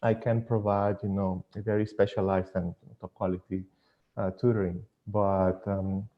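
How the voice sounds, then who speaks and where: A man's voice: fairly low pitch, flat delivery, moderate pace. A man with a Venezuelan accent speaking casually and a little hesitantly as a tutor in an interview over an internet call. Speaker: online physics tutor. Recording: dull lo-fi internet call audio.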